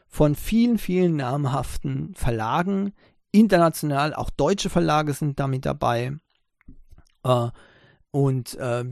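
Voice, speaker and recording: A chatty man with a slightly high voice talks into a close, dry mic. He rambles through tech-podcast topics with plenty of "äh" and "ähm" fillers. Now and then he drops in a sarcastic aside. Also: a little mellow, dry recording. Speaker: podcast host. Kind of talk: casual tech podcast talk.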